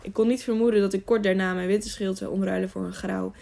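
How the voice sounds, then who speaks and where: A woman reading an earnest young male knight in an even tone. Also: medium pitch, fast, vocal fry, lightly acted.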